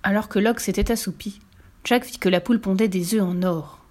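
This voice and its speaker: A woman narrating a children's fairy tale aloud, expressive and sometimes dropping to a soft whisper. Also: mid-range voice, fairly quick, heavy background noise. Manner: expressive, dips into soft whispers on quiet passages. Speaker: storyteller. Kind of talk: scripted storybook narration.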